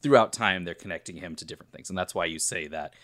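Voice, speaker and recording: A man's voice: low-pitched, fast, bright, forceful tone. A man co-hosting a casual podcast chat, making dry teasing jokes. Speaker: podcast co-host.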